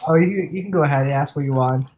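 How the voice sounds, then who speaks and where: A man's voice: a little high, fast talker, a little mellow, poor audio. A sick man hosting an online racing show, casually reading through race results and chatting with co-hosts. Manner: reads results lists, loose and chatty. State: sick, coughing. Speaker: podcast host. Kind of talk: casual sim-racing recap chat.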